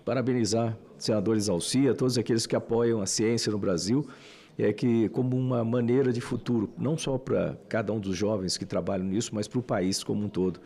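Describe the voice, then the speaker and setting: Brazilian senator talking in committee, warm mellow voice, chatty with lots of "né". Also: male voice, fairly low pitch, fairly even intonation, fairly quick. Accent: Brazilian Portuguese. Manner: conversational with fillers, emphatic. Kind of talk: parliamentary speech. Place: legislative committee room.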